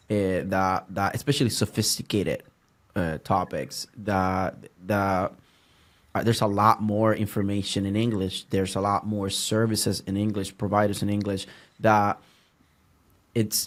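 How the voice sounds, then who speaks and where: A man with a Puerto Rican accent, a native Spanish speaker, hosting a casual podcast interview and talking haltingly with many restarts and fillers. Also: fairly low pitch. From Puerto Rico. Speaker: podcast host.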